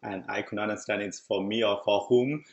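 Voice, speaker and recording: Low-voiced and brisk with a steady tone, this Chinese-accented host from China is middle-aged and talks casually about his life. He's chatty as he tells his story, frequently breaking into laughter in the middle of sentences.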